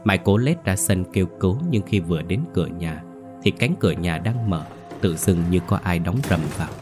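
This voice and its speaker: Deep-voiced man narrating a horror story. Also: moderate pace, over music. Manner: steady, grave.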